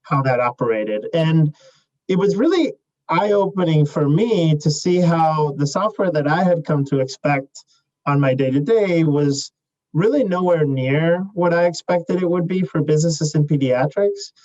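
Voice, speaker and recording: A young adult man from Chile, a startup CEO answering interview questions in a measured way, with many fillers and restarts. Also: fairly high pitch, animated, a little mellow, dull audio.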